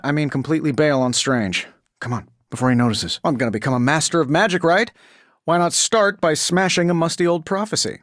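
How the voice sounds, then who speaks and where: A man's voice: on the high side, a bit bright, dry recording, clean studio sound. A man playing a cocky genius armored superhero inventor in a video game, glib, sardonic and self-assured. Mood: breezy, sarcastic.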